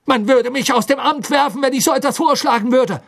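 Man playing a shrill, pompous minister. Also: a little fast, creaky, no echo, studio quality, exaggerated voice. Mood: indignant. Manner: shouting and indignant. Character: pompous, stubborn male minister, indignant.

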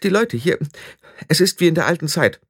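A man doing a shrill, stammering young witch. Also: animated, brisk, slightly rough, dry recording, studio quality. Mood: anxious, complaining. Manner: stammering, high and strained. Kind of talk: audiobook character voice.

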